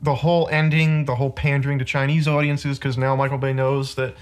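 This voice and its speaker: A man's voice: mid-range voice, level tone, fairly quick, clear, resonant tone. A man hosting a podcast, ranting through a film critique in casual chat with lots of "like". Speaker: podcast host.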